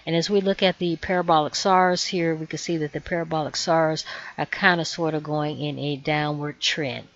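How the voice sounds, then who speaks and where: A woman with a hoarse, fading voice giving a measured, explanatory stock chart tutorial over a screen share, adding cautionary asides. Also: low-pitched, steady tone, lo-fi sound. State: hoarse, losing her voice. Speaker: trading educator.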